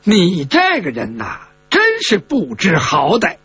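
A man's voice: sits high, huge pitch swings, takes it slowly, pushed and bright, husky, no echo, heavily acted. A man voicing an arrogant, spoiled young male swordsman who taunts and needles. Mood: scornful.

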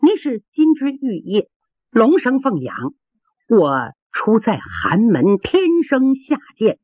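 A woman's voice: big pitch swings, takes it slowly, breathy edge, no echo, exaggerated voice. A woman doing a humble young street singer. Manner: deferential, polite, self-lowering. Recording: dry, tinny phone-like sound.

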